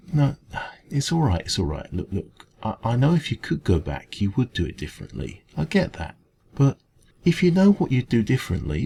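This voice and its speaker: An English-accented man voices a gentle, kindly café dragon for an ASMR comfort roleplay, speaking informally and hesitantly to reassure the listener. His medium-pitched voice is creaky, there's slight background noise, and his tone conveys earnest reassurance.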